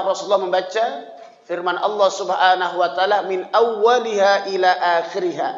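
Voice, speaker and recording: A man teaching religion to a study circle in a chatty way, reading Arabic lines, explaining them and checking in with the audience. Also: high voice. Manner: reads Arabic lines then explains them, chants verses in between; conversational, with frequent "ya" checks to the audience. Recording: echoey hall with long reverb, dull lo-fi sound.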